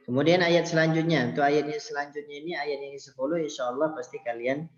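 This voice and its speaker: A man's voice: on the high side, steady tone, fast talker. A man teaching how to recite the Quran, explaining patiently and calling his listeners children, with chanted verses in between. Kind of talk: tajwid lesson with chanted recitation. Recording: roomy, dull lo-fi sound.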